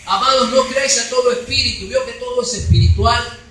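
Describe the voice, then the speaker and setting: A man's voice: extremely high pitch, a little fast, a bit bright, a little hiss or hum. A man with a Rioplatense accent preaching a sermon in a church, emphatic, checking in with the congregation. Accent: Rioplatense Spanish. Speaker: pastor. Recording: echoey hall, voice from far off.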